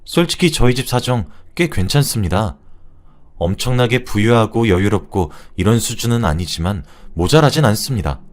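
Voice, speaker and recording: A man reads a first-person story aloud in a measured, low narrating tone. His pitch moves around a lot.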